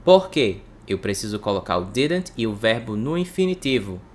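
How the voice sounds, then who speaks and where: A man teaching English to Portuguese speakers, breaking phrases into slow drills and repeating words for the listener. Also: on the low side, very animated, darkish tone, a little hiss or hum.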